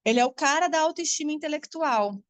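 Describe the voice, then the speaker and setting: A Brazilian woman, a spiritual coach, talking casually and frankly to her audience, lively and blunt, laughing now and then. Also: sits high, fast talker, dry recording. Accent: Brazilian Portuguese. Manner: animated, frank, swears freely, laughs often. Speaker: spiritual coach teaching astrology. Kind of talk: casual spoken talk to an audience.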